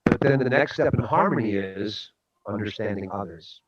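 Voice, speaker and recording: A man's voice: lowish voice, moderate pace, slightly rough, dull audio. Earnest male storyteller on a radio show. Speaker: guest speaker. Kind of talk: storytelling and motivational talk.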